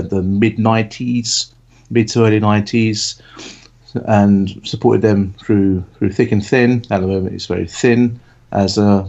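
A man in his thirties from England, co-hosting a football podcast in a relaxed, rambling way with many fillers. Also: on the low side, gravelly. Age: 30s. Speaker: podcast co-host. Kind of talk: casual chat. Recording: dull lo-fi audio.

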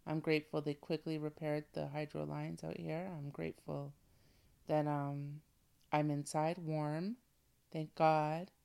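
A woman hosting guided breathing in a soothing, intimate coaching manner, her soft voice often dropping toward a breathy near-whisper. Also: sits low, level tone, unhurried. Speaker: host of a wellness show. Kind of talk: guided breathing and relaxation talk.

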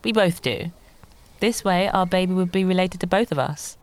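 An actress playing a flustered, defensive, sharp-tongued woman who hopes to start a family, in an audio drama. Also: on the low side, normal speed, natural voice. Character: queer woman planning a baby, flustered, defensive. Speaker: actor.

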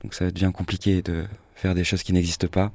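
A man's voice: low voice, fairly quick, dry recording. A man who programs a film festival, a guest on a live radio show, talking casually with lots of fillers and restarts. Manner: hesitant, many fillers and restarts, relaxed. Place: radio studio.

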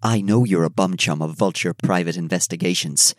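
A man playing a swanky, menacing detective in a comic audio drama, slow and insinuating. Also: low voice, dry recording, clean studio sound, lightly acted. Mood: quiet menace. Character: Tom Moriarty, swanky menacing smooth male detective.

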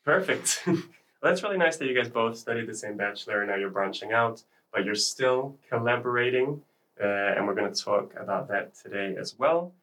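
A man's voice: medium pitch, lively intonation, brisk, a bit bright, rough recording. A man hosting a university podcast in a studio, introducing the show and asking guests upbeat questions. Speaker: podcast host. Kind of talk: scripted podcast intro and interview.

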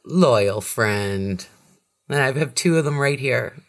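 A woman's voice: extremely low pitch, expressive, slow pace. A woman in her forties, a podcast guest, talking in a reflective, casual way and laughing often. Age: 40s. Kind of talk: casual chat.

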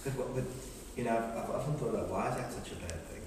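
A man in a study class thinking aloud, stopping and restarting often as he works out a question. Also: mid-range voice. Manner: halting, restarts often while working out a thought. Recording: distant, echoey room with background noise.

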